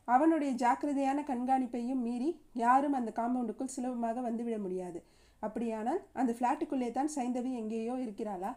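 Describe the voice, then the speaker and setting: A woman narrating a novel as an audiobook reader, with steady, expressive storytelling. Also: a little high.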